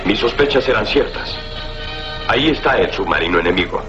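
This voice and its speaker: A man's voice: on the low side, lively intonation, a little fast, natural voice. A man voicing an upright, confident superhero soldier in a dubbed cartoon, speaking in a firm, declamatory way. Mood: resolute. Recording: dull lo-fi soundtrack under loud music.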